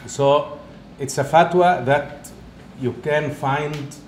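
A man's voice: on the high side, steady tone. Egyptian-accented male lecturer in an echoey room. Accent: Egyptian, with some Italian. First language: Arabic. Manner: halting non-native English phrasing. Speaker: guest speaker, professor. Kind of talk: academic lecture to an audience. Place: indoor event room, talk being filmed. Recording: roomy echo, faint background noise.

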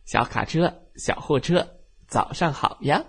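A man's voice: on the high side, animated, a little slow, creaky, husky, full character voice. A man voicing a kind, hardworking small forklift who looks after the young vehicles like a patient father, in a bedtime storybook. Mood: cheerful. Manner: gentle and patient.

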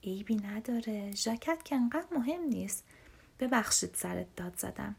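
A woman voicing a young, proud, quick-tempered big brother bear in a storybook reading. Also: a little high, lively intonation, vocal fry, slightly rough, full character voice. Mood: gentle. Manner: shouts, then turns gentle.

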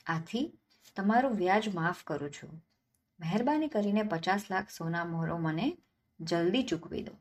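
A woman's voice: on the low side, animated, normal speed. A woman voicing a clever, penniless young man in a folk tale, cheeky and self-assured, answering questions with questions. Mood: sly.

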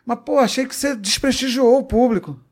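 A Brazilian man with a high voice tells a story in a relaxed interview. He swears freely and acts out the lines of the people in his tale, with lots of life in his delivery. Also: fairly quick. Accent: Brazilian Portuguese. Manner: profane, animated storyteller acting out quoted dialogue. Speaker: comedian guest.

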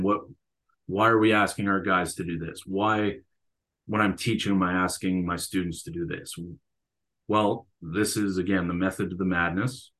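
A coach and teacher talks through his experiences in an easygoing interview. He has a very deep, low-pitched voice and speaks reflectively. His thoughts unfold like stories told to a friend. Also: fairly bright tone. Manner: reflective, storytelling. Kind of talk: casual interview conversation.

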